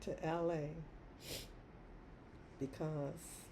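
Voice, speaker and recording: A middle-aged woman records a rambling personal monologue in a lowish voice, laughing often between phrases. She talks very slowly and repeats her points for emphasis. A faint hum of room noise sits behind her. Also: flat delivery. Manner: emphatic repetition. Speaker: vlogger.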